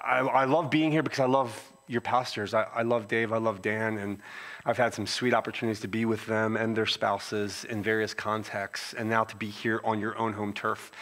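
A middle-aged Philadelphia pastor with a local accent opens his sermon conversationally, often restarting his sentences. His voice is on the low side, pushed and bright. He's speaking in a church sanctuary.

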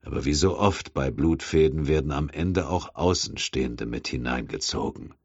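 A man voicing a calm, coldly polite male villain in an audiobook, speaking slowly and measured. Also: a bass voice, breathy edge, no room sound, lo-fi sound, full character voice. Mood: coolly menacing.

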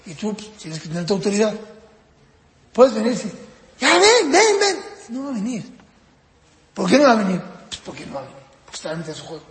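A man teaching a parenting course in a casual, lively lecture style. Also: fast talker, long pauses, reverberant, long reverb tail. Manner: lively, jumps up and down in pitch acting out parents and kids.

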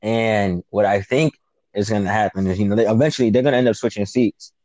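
A man with a low, mellow voice holds a casual recap chat. He tells the story with energy, acts out the quotes and swears freely. The sound is dry and close. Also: fast talker, dry recording. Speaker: podcast co-host.

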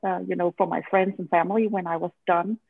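A woman from Denmark in her forties, working as an event strategy consultant, fields interview questions in a relaxed, halting manner, using lots of fillers and laughing readily. Her fairly low voice is fast with fairly even intonation, heard dry and tinny like a phone line without echo.

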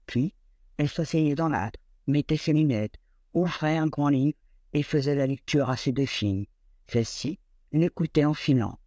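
A man reading a classic fairy tale aloud in an expressive, lilting storyteller manner. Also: a little high, moderate pace, no echo.

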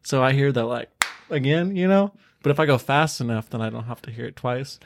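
A man's voice: medium pitch, a little fast, gravelly, dry recording, studio quality. A man co-hosting a casual podcast, telling loose, profane stories over beers and acting out what people said. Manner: loose storytelling, swears, acts out quoted voices. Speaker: podcast co-host.

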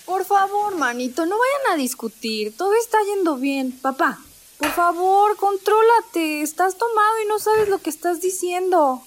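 A woman playing a sweet, very high-voiced sister. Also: lively intonation, unhurried, slight background noise. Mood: pleading. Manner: gentle, pleading. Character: young adult sister, sweet and pleading.

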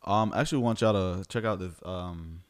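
A man co-hosting a casual podcast chat, joking and quick to get excited. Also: deep voice. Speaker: podcast co-host.

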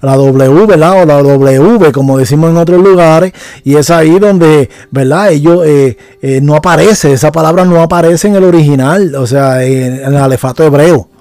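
A man with a somewhat high, mellow voice teaches scripture on a podcast, unscripted and full of hesitations and restarts. He often stops to check that his listeners agree. The sound is dry and close. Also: moderate pace, dry recording. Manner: keeps asking for agreement.

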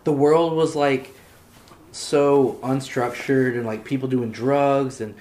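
A man's voice: medium pitch, steady tone, slow pace, darkish tone. Chatty man hosting a garage movie chat. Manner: chatty, laughs often, leans on filler "like". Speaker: podcast host. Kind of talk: casual chat about movies. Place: home garage. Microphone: handheld audio recorder.

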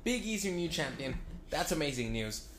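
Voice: medium pitch, big pitch swings, normal speed, fairly bright tone, reverberant, a little hiss or hum. A podcast host talking casually and emphatically in slang, often repeating phrases. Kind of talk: casual wrestling podcast talk.

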